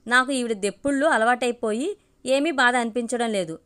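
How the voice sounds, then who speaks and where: A woman's voice: fairly high pitch, moderate pace, a bit bright, clean tone, close to an everyday voice. A woman reading the lines of a good-humored middle-aged father who teases his wife, in a light, bantering way. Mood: teasing.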